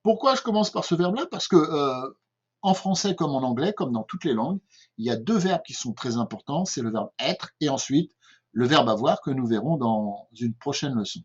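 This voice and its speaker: An older Frenchman with a French accent gives a patient, home-made English lesson, repeating himself and often checking in with "d'accord?". His mid-range voice is expressive and breathy-edged at normal speed. The recording is dull and lo-fi.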